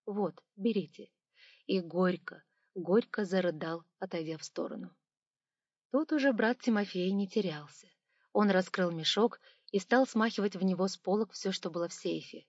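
A woman's voice: medium pitch, moderate pace, dry recording. Audiobook narrator, woman, dry, slightly dull sound. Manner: expressive storytelling.

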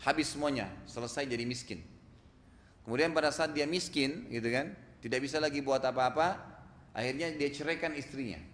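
A man's voice: medium pitch, brisk, fairly bright tone. A man preaching a sermon, telling a story and posing rhetorical questions. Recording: echoey hall, faint noise.

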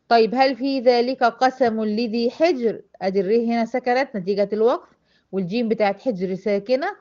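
A woman with an Egyptian accent teaches tajweed at a brisk pace. She explains each rule patiently and keeps checking whether her students follow. The recording sounds dull and lo-fi. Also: medium pitch, darkish tone. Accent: Egyptian Arabic. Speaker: Quran recitation teacher. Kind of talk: online tajweed lesson.

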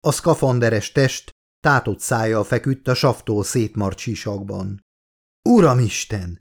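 A man narrating his own book as an audiobook, steady and measured. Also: fairly low pitch, creaky.

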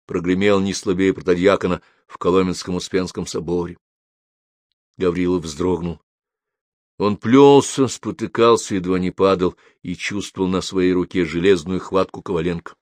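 Brief: steady low male narrator, dry close studio sound. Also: normal speed, dry recording. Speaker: audiobook narrator. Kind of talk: scripted audiobook narration.

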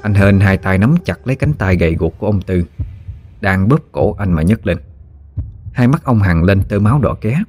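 A man with a Southern Vietnamese accent narrating a scripted horror story in a steady, measured way. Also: low-pitched, slight background noise.

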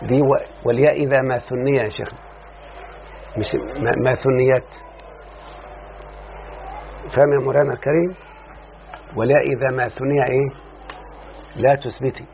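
A man with an Egyptian Arabic accent gives a classroom grammar lecture. His voice sits at an ordinary middle pitch as he reads quoted verses slowly and keeps quizzing his students with short questions. The recording is narrow and phone-like, with a faint hiss underneath. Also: fairly even intonation. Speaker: Islamic scholar teaching grammar.

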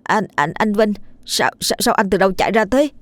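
A woman's voice: fairly low pitch, lively intonation, fairly quick, darkish tone, slightly rough, no echo. Woman doing a stammering, terrified teen boy. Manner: stammering, panicky. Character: frightened teenage village boy, timid.

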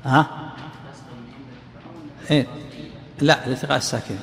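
A man's voice: mid-range voice, steady tone, normal speed, vocal fry, fairly bright tone. An older man, a sheikh giving lesson commentary who interrupts the reader with questions and corrections. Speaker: sheikh explaining a text. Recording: reverberant hall with faint noise.

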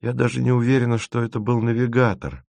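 A man reading an audiobook, voicing a dreamy, stubborn young woman who speaks softly and a little painfully. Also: mid-range voice, little pitch movement, fast, vocal fry, dry recording, voice pushed up, natural voice. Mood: protesting. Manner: soft, pained and wistful.

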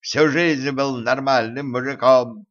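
A man voicing a panicky, indignant man who shouts and whines in disbelief, in a dull lo-fi recording. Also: mid-range voice, fairly even intonation, takes it slowly. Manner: shouting, whining, outraged.

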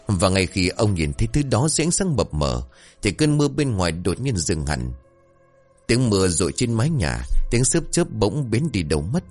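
Casting: male storyteller for horror tales, very deep, lively swoops, faint music behind. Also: normal speed. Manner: dramatic, suspenseful. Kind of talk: scripted horror story narration.

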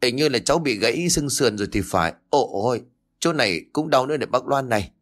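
A man voicing a cheeky young man, pleading and flattering in a quick, whiny way. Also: mid-range voice, soft background music, lightly acted. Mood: whining.

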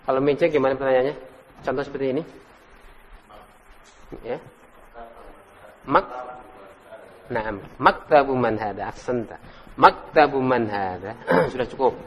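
A male Islamic teacher with a mid-range voice leads an interactive Arabic class, captured in a reverberant room on a lo-fi recording. He calls on students by name to quiz them, praises their answers, and repeats the drill words slowly.

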